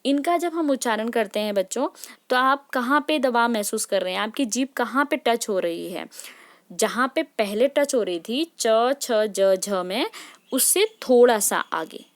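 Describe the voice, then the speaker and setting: A woman's voice: a little high, expressive, measured pace. A woman teaching a lesson to children, patient, often checking in with questions and asking them to say sounds aloud with her. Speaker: Hindi teacher. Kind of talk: classroom lesson.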